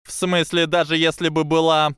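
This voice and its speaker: A man's voice: on the high side, little pitch movement, moderate pace, fairly bright tone, clear, resonant tone, no echo, studio quality, voice pushed up, lightly acted. A man voicing a shaken but indignant schoolgirl witch who speaks emphatically.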